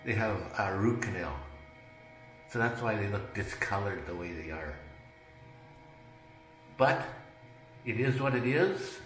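A man's voice: fairly low pitch, lively intonation, unhurried, long pauses, fairly bright tone, faint music behind. A man in his sixties narrating a casual vlog in a dental clinic, chatty and plain-spoken, laughing at himself. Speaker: vlogger.

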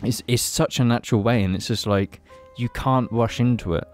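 A man's voice: medium pitch, steady tone, normal speed, soft background music. A man in his twenties chatting casually on a podcast, rambling and repeating himself as if whiskey-drunk. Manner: tipsy, rambling drunk talk with repeated phrases. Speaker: podcast co-host. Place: small padded attic room. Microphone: podcast mic on boom arm.

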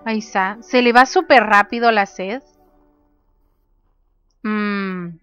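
A woman's voice: medium pitch, slow pace, a bit bright, clear, resonant tone, muffled recording, faint music behind. A woman casually commenting on a life-sim game, reading menu options aloud and laughing often. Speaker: gaming youtuber. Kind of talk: casual let's play commentary.

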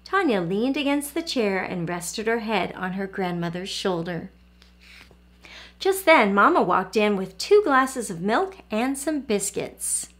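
A woman reading a picture book aloud to young children, pausing gently to ask them questions. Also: mid-range voice, sing-song. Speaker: children's story reader. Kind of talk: read-aloud storytelling for kids.

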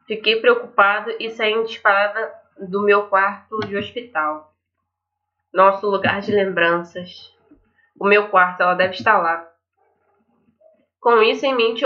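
Her mid-range voice holds a steady tone and measured pace, broken by long pauses, as she reads a visual novel aloud and adds casual remarks. She's a young gaming host with a Brazilian accent, recorded on a dull lo-fi mic over faint game music.

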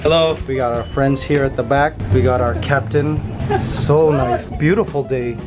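A man's voice: medium pitch, steady tone, normal speed. A man in his thirties hosting a casual travel vlog outdoors, talking into a camera held at arm's length and exclaiming often. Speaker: vlogger host. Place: outdoors on streets, a tricycle and a small boat. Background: loud background music.

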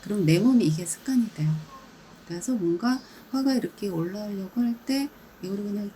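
Woman, casual coach, mellow tone, lively mini-demonstrations; faint hiss on the track. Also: medium pitch, brisk, low-quality recording. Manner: chatty, demonstrative, acts out little scenes, laughs often. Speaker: brain habits coach. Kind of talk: casual instructional talk.

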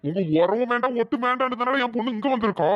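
A man doing a furious gruff old father. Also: extremely high pitch, rapid-fire. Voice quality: gruff, scolding, threatening. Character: angry older father, loud and scolding. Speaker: father of the wife. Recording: dull, dry lo-fi audio.

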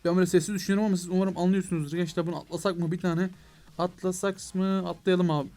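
Fast, high-pitched excitable young man. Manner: excitable, addresses viewers as "gençler"; talks to the game, mock outbursts of frustration. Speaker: gaming YouTuber. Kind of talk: mobile game let's play commentary.

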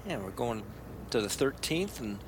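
A man's voice: mid-range voice, sing-song, normal speed. A man delivering live golf commentary, describing shots as a golf commentator. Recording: clearly noisy outdoor broadcast.

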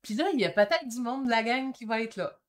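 An energetic woman in her fifties with a Québécois French accent, hosting a casual painting livestream. Her voice sits a little high, and she talks in eager bursts that swing between loud and soft. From Quebec. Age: 50s. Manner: excitable and chatty, quick shifts in energy. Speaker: painting channel host. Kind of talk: casual livestream chat reading comments.

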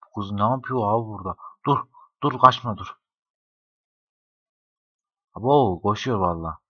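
A man's voice: lowish voice, dry recording. A young man giving casual, joking gameplay commentary, talking to the characters and laughing often. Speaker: gaming YouTuber. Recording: dry, dull lo-fi home mic.

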